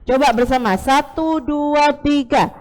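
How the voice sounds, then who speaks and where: Slow, high-voiced woman teaching recitation. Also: poor audio. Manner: patient, demonstrates sounds slowly and repeats them many times. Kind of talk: live class instruction with group repetition.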